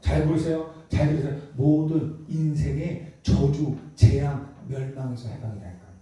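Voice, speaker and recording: A male pastor delivers an emphatic sermon and keeps putting questions to his listeners. His voice sits high but sounds mellow and dark. It comes from a distance and echoes through a large church hall. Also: normal speed. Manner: emphatic, many rhetorical questions to the congregation. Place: church sanctuary.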